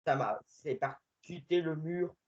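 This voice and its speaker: A man giving casual gaming commentary while playing with a friend, excitable and swinging between muttering and shouting. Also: a little high, a little slow, dull audio.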